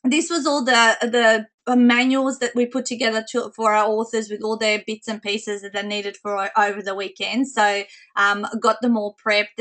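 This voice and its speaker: A woman with a slightly squeaky voice presenting an informal online coaching call in a chatty way. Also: a bit bright, low-quality recording.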